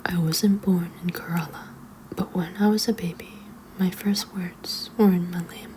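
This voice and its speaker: A woman reads a children's book aloud as ASMR in a hushed, librarian-like whisper. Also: on the low side, steady tone, normal speed, slight background noise. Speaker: ASMR reader.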